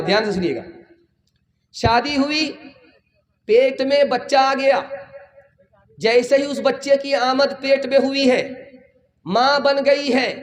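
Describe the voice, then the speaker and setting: A man preaching a religious sermon at a public gathering, impassioned, repeating phrases and calling on the crowd to raise their hands. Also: very high-pitched.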